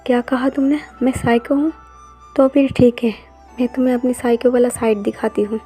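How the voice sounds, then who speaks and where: A jealous, curt young man from a romance story, as a woman reading aloud puts him on. The lines come flat and level, in a rather high, soft-toned voice, with faint music behind. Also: moderate pace, slightly rough. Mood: threatening. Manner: plain even reading of dialogue.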